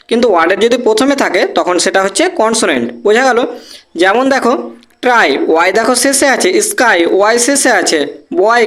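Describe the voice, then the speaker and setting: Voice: mid-range voice, fairly bright tone. A teacher giving a grammar lesson, patiently repeating example words syllable by syllable and often checking that students follow. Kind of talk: Bengali-language English grammar lesson.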